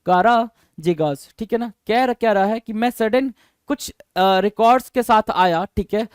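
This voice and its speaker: A man with an Indian accent teaching exam English. He reads English lines slowly and explains them quickly in Hindi, with many fillers. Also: high voice, clear, resonant tone, no room sound, clean studio sound. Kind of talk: classroom lecture explaining a reading passage.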